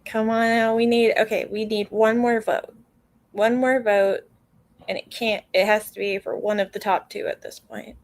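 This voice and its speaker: A woman's voice: mid-range voice, fairly even intonation, normal speed, dry recording. A woman co-hosting a livestream in a casual, teasing way, joking with her partner and the viewers. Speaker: livestream co-host.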